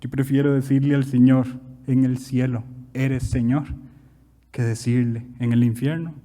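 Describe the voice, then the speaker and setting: A young man with a Costa Rican accent preaching a sermon as pastor, animated, with big swings in loudness and rhetorical questions. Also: medium pitch, normal speed, in a large hall. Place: church.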